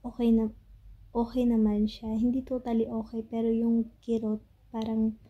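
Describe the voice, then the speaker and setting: A young Filipina woman telling a family story in a casual vlog, halting and searching for words, fighting tears at times. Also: on the high side, monotone, narrow, tinny audio. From Philippines. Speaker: family vlogger. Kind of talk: emotional story-time monologue. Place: home in Pakistan.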